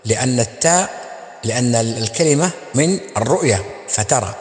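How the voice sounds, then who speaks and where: A man's voice: medium pitch, animated, brisk, a little mellow. A man teaching Quran recitation who demonstrates pronunciation by repeating words and chanting his own teaching verses. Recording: echoey room with long reverb and faint music.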